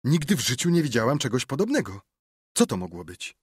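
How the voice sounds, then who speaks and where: A man voicing a stern but soft-hearted elderly aunt who scolds her nephew in an audiobook. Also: mid-range voice, wildly swooping pitch, brisk, breathy edge, no echo, clean studio sound. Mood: suspicious. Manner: scolding, suspicious.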